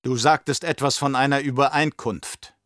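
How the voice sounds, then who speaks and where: A man's voice: mid-range voice, fairly even intonation, a bit bright, no echo, studio quality, pitched above the performer's own voice, lightly acted. A man putting on a sly, menacing old baron. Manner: slow, drawn-out, mocking delivery. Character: scheming old male baron, menacing and condescending. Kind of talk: audiobook character voice.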